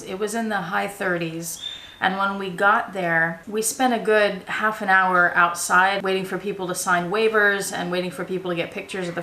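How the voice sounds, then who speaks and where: A woman's voice: fairly low pitch, fairly bright tone. A woman giving a casual, matter-of-fact first-person vlog account of an outing. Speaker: vlogger and photographer. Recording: echoey room with faint noise.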